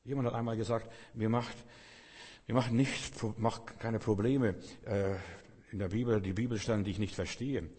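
A man delivers a sermon in an earnest, direct way, speaking straight to his listener. His voice is low and husky. The sound rings with a long reverb. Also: fairly even intonation, moderate pace, mellow. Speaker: preacher.

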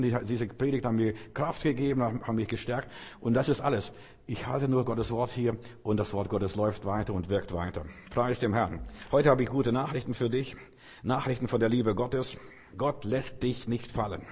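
Male preacher, husky voice, emphatic repetitive sermon, long hall reverb. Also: mid-range voice, darkish tone.

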